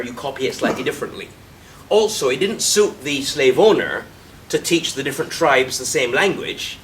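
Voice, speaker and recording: A man's voice: on the high side, fairly bright tone. A man from Barbados with a Barbadian accent, a vicar giving a humorous talk to a club audience with quoted voices. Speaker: guest speaker and vicar. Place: club meeting room. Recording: distant mic, faint background noise.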